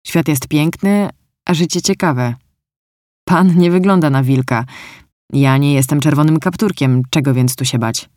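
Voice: mid-range voice, a little slow, a little mellow, no echo, studio quality, close to an everyday voice. A storyteller voicing a trusting, cheerful young girl in an audiobook, speaking earnestly and plainly. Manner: earnest, artless.

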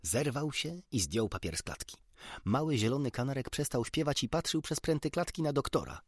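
A man narrating a children's book in an expressive, measured storytelling manner. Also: medium pitch, dry recording, clean studio sound. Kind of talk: audiobook narration.

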